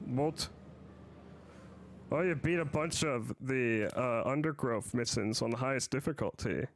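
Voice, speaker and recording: A man streaming a game in casual chat, easygoing, halting and apologetic. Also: mid-range voice, slight background noise.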